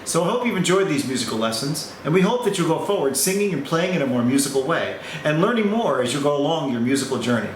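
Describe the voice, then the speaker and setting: A man narrating a recorded music lesson, explaining things clearly in a teaching manner. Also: on the high side, sing-song, fast, few pauses, a little hiss or hum.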